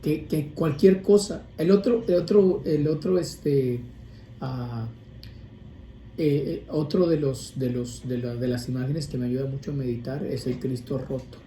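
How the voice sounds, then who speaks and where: Mellow-voiced priest preaching in an echoey room. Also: male voice, mid-range voice, unhurried. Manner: conversational, rambling with restarts and asides. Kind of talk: informal sermon on prayer. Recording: echoey room with faint ambient noise.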